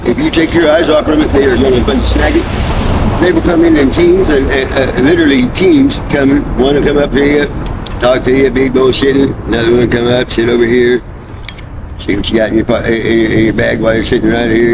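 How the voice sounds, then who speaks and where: A middle-aged American man with a folksy country drawl, chatting casually in a rambling, halting, profane way. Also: steady tone. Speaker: homeless interviewee. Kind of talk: casual street chat. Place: outdoors near railroad and traffic. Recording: noisy outdoor recording with traffic rumble.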